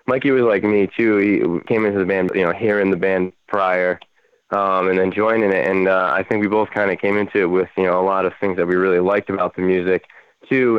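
Band guest, man, smooth low voice, casual and rambling, slightly dull audio. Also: no echo. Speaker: band member, interview guest. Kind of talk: casual interview chat.

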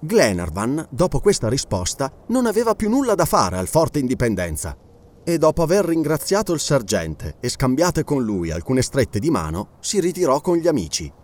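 Expressive male audiobook narrator. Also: mid-range voice. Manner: measured, expressive storytelling. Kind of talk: scripted narration of a novel.

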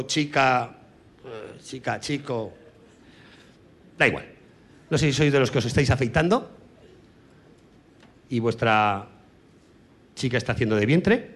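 With a voice just a little high, a man from Spain does crude stand-up on stage, punctuating brash jokes with sudden shouted sound effects.

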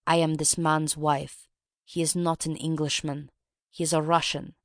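A reader voicing a proud, guilt-ridden Russian woman revolutionary, who speaks gravely and with dignity in a confession. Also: mid-range voice, level tone, normal speed, no room sound, studio quality, lightly acted. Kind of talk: audiobook reading.

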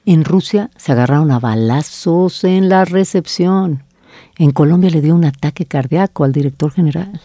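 A middle-aged woman recounts her business story in a lively way, quoting herself and others. Her voice is warm and mellow, and the recording sounds dry and close. She speaks as a guest in a conversational interview. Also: deep voice, normal speed, no room sound. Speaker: agency founder, guest.

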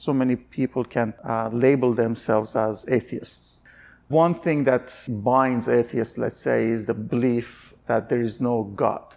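A man's voice: medium pitch, creaky, a little mellow. A man from Iran, giving candid interview answers in an earnest, searching way, often restarting his sentences.

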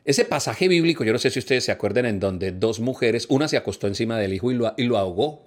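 A man from Colombia telling jokes as a comedian, animated and acting out every character. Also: mid-range voice, fast talker. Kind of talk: stand-up joke telling.

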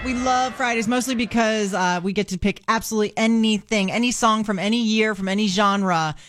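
A woman's voice: mid-range voice, brisk, a bit bright, soft background music. A woman co-hosting a morning radio show, bubbly and teasing as she chats with callers and her co-host.

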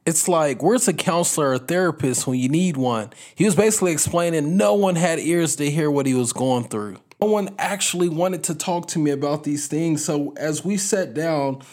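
A man's voice: fairly high pitch, moderate pace, hardly any pauses, darkish tone. A man telling a personal faith story in an earnest, conversational way, often repeating himself and restarting phrases. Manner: earnest, repeats words and restarts, addresses listeners as guys. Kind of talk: testimony talk.

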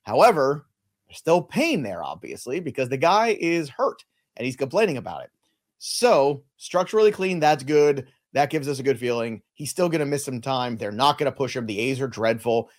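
A man's voice: medium pitch, very animated, normal speed. A man co-hosting a fantasy baseball podcast, talking in a conversational, analytical and joking way. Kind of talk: casual chat.

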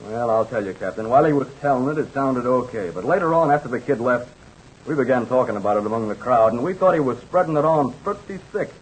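A helpful young American airman in an old-time radio drama. He is folksy and earnest, with a mid-pitched, slightly rough voice. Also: expressive, fast, poor audio. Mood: animated, skeptical. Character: eager, folksy young male pilot, apologetic and helpful.

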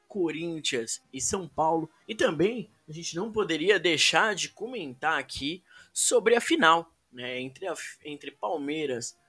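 A man's voice: a little high, sharp tone. A Brazilian man hosting a football podcast in a casual conversational style. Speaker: podcast host.

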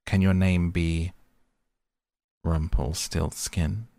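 A man's voice: low voice, animated, unhurried, a little mellow, no echo. A man voicing a crafty young queen in a fairy tale, slyly guessing. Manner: sly, questioning.

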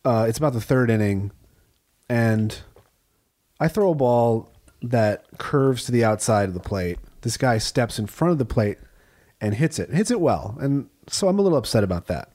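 A man's voice: medium pitch, lively intonation, moderate pace, darkish tone. A middle-aged man and father telling a laid-back story in a casual chat with friends.

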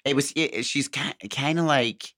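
A man's voice: medium pitch, moderate pace, sharp tone. A man hosting a podcast, musing in a reflective, hesitant way. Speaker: podcast host. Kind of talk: casual podcast chat.

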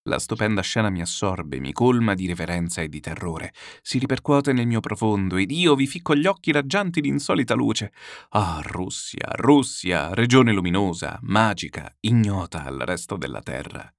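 A man reading a literary text aloud, declamatory and lyrical, with slow solemn pauses. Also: lowish voice, expressive, no room sound, studio quality. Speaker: reader.

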